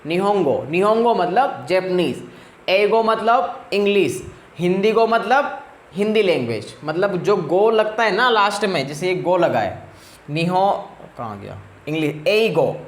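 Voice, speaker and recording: Male teacher, fairly high voice, patient repetitive classroom delivery, roomy echo. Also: animated. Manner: explains slowly, repeats each word. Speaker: Japanese language teacher. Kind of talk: classroom lecture.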